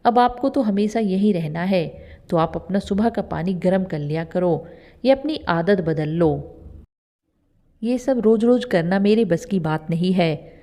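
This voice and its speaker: A woman voicing a rude, sharp-tongued young daughter-in-law in a spoken storybook tale. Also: medium pitch, lively intonation, a little slow, natural voice. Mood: snapping. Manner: curt and snapping.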